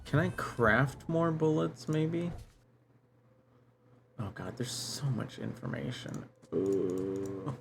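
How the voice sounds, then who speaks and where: Slow, creaky-voiced man commenting on a game. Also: medium pitch, a little hiss or hum. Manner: musing, thinking aloud. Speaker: gamer, let's play host.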